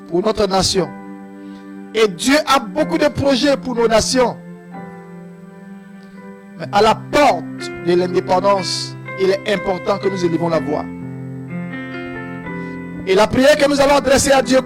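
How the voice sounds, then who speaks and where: A man leading a fervent call-and-response prayer as pastor, pleading, at times shouting or half-singing. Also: sits high.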